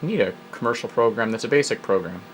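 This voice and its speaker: A retro computer hobbyist with a fairly low voice talks fast and animatedly as he thinks aloud through an old program. He reads prompts and adds wry asides, and the poor-quality audio has slight background noise.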